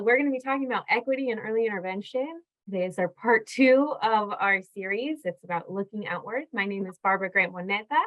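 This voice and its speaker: Woman presenter on a video call, chatty and loose with the ums, kinda muffled audio. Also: fairly high pitch. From California. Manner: conversational, with frequent fillers. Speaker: webinar presenter. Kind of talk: presenting a professional webinar. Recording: dull lo-fi webinar audio.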